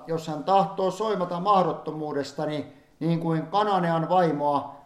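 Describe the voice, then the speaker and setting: A man reading an old-fashioned sermon aloud in a solemn, fervent manner, rising in emphasis on pleading passages. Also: high-pitched. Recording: echoey room.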